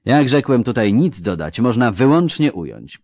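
A man's voice: medium pitch, sing-song, moderate pace, a little mellow, dry recording, voice pushed up. A man voicing a sardonic halfling surgeon. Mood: brisk, sardonic. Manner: dry, mocking, clinical. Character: sardonic halfling field surgeon, male, unflappable.

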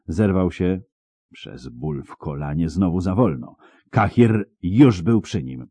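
A man's voice: low-pitched, lively intonation, slow, warm tone, breathy edge, no echo. A man narrating an audiobook in a dramatic, vivid storytelling manner, close to the mic.

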